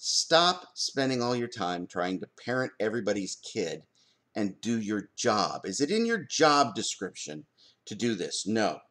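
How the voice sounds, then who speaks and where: A man talking in an opinion vlog as a parent. He argues forcefully, stops to ask pointed rhetorical questions and answers them himself. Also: lowish voice, big pitch swings, unhurried. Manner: emphatic, argumentative, fires rhetorical questions. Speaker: parent commenting on school board policy.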